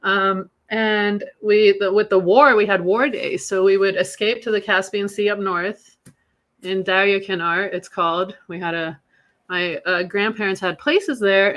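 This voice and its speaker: Woman in her 40s from Iran, bright clear voice, candid chatty podcast host. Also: medium pitch, normal speed. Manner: chatty, swears freely, laughs through dark memories. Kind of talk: candid casual conversation.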